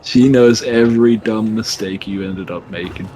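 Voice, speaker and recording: A man's voice: on the low side, normal speed, warm tone, poor audio. A man giving casual, joking commentary over a video game, laughing and swearing as he talks. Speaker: let's play commentator.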